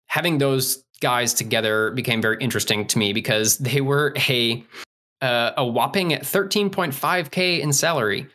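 A man with a bright, forceful voice holds forth like a podcast analyst, reasoning out loud as he goes. His delivery is casual and conversational, full of little asides and self-corrections rather than polished script. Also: medium pitch. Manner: thinking aloud, conversational with frequent asides. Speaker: fantasy sports analyst.

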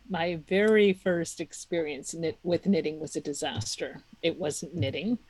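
Chatty woman. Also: lowish voice. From Czech Republic. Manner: chatty and self-mocking, laughs often. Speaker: podcast guest. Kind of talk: casual interview talk.

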